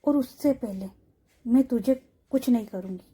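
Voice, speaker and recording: A woman voicing an obsessive, possessive young woman who mocks and menaces in a soft, mellow voice. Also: fairly high pitch, moderate pace, husky. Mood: taunting. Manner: mocking, coaxing, menacing.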